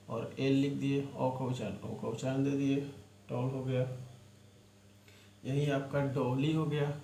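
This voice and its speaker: This online shorthand teacher has a mellow, creaky voice of medium pitch. He works through the material step by step, spelling out words one letter at a time, and the recording carries an echo and faint ambient noise.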